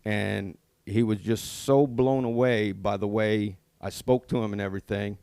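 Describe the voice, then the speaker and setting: A man's voice: lowish voice, fairly even intonation, moderate pace, creaky, darkish tone, smooth, no room sound. A middle-aged man co-hosting a podcast in casual chat, telling stories earnestly about his faith. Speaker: podcast co-host.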